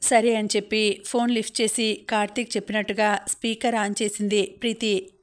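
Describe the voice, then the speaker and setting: A woman's voice: medium pitch, little pitch movement, brisk. Woman narrating a Telugu audiobook. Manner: reads all characters' lines in a lightly varied voice. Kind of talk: storytelling narration with voiced dialogue.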